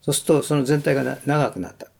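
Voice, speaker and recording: A man calmly explaining breathing and what makes a good voice, step by step. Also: medium pitch, very fast, vocal fry. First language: Japanese. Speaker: voice expert guest.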